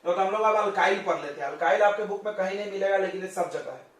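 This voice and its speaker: A male coaching-class teacher giving a chatty chemistry lesson, joking with his students and firing quick questions at them. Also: high-pitched. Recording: very echoey classroom, distant mic.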